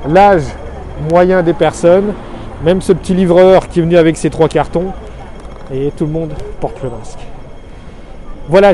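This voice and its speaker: A man's voice: on the high side, dark tone. A man from Alsace in France speaks earnestly and steadily outdoors on a street corner, explaining things into a handheld phone. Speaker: expatriate vlogger. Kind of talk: informal video message. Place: street corner in a busy city neighborhood, outdoors. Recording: outdoor street recording with faint traffic. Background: faint city street and traffic noise.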